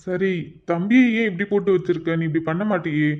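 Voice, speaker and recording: A man's voice: high-pitched, brisk, natural voice. A man voicing a teasing young husband and father in a cartoon, chatty and full of joking asides. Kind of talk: cartoon voice acting. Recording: dull lo-fi recording.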